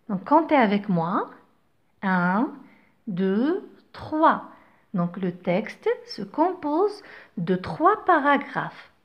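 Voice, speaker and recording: A woman teaching a reading lesson to young children, reading slowly and articulating each word with care. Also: a little high, highs cut off. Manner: slow, careful, over-articulated reading. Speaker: French teacher.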